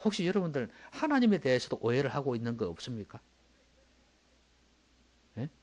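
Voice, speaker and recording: A male pastor delivers a sermon at a brisk clip, his pitch swinging widely as he shifts from quiet, low asides to loud, emphatic bursts. He poses rhetorical questions to the congregation.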